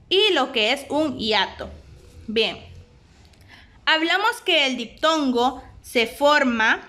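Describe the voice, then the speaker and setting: A woman with a Honduran Spanish accent, giving a recorded grammar lesson and spelling out syllables deliberately. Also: high voice, sharp tone. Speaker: teacher.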